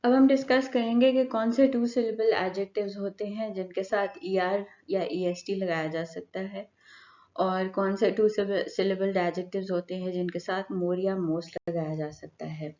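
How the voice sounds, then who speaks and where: A woman teaching a grammar lecture over slides, explaining step by step and reading the English rules out slowly. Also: medium pitch, fairly even intonation, dark tone, lo-fi sound.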